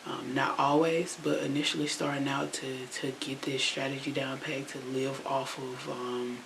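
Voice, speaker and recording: Reaction host, casual chatty commentary, slangy, mid pitch, steady hiss on the recording. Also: normal speed, gravelly. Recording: hissy recording.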